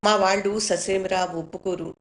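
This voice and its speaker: A woman voicing a frightened young woman torn by family duty, speaking in a hushed, pleading way. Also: medium pitch, fairly even intonation, moderate pace, natural voice. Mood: resigned.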